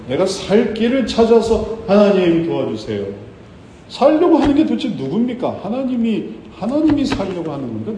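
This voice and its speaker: A man preaching a sermon, lively and emphatic, posing rhetorical questions and acting out the voices of the people he quotes. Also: on the high side, reverberant, a little hiss or hum, low-quality recording. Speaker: pastor.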